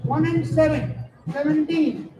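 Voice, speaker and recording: High-pitched Indian male bingo caller. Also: fairly even intonation, measured pace, noisy background. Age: middle-aged. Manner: singsong announcing, numbers called digit by digit. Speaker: bingo caller at a Diwali party. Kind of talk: bingo calling over a microphone, drawn-out numbers and rhyming nicknames. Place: outdoor evening party in front of a stage. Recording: echoey event PA with loud music behind.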